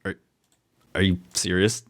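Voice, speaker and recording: Co-host: easygoing New York guy with a lowish voice, reads stories and riffs, jokey, trips over words. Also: flat delivery, a little slow. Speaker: podcast co-host. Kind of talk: casual chat, reading stories aloud.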